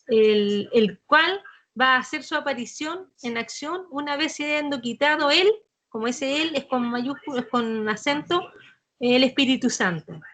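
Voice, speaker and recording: Bible class participant, woman, hesitant, self-correcting, high voice. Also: measured pace, a bit bright. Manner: hesitant, correcting herself mid-sentence. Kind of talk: answering a study question.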